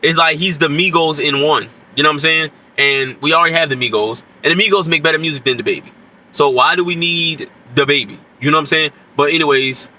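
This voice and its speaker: Congested and nasal, this man's voice is on the high side with a very bright tone, captured in a rough recording. An independent rapper sick with a stuffy nose and scratchy throat, he offers casual, unscripted hip-hop commentary to camera, rambling and saying "you know what I'm saying" again and again.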